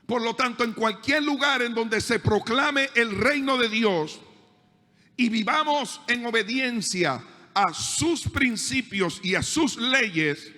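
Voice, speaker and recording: A man's voice: very high-pitched, slow pace, pushed and bright, long reverb tail. A male pastor with a Panamanian accent preaching a sermon, building emphasis and acting out the voices in his stories. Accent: Panamanian Spanish. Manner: preaching with rising emphasis, acting out dialogue in anecdotes. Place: church hall.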